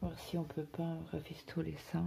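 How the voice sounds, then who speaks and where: A woman's voice: low-pitched, little pitch movement, moderate pace, vocal fry, mellow, slight background noise. A woman chatting casually to her viewers about her day, rambling, with many fillers and restarts. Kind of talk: casual personal chat to viewers.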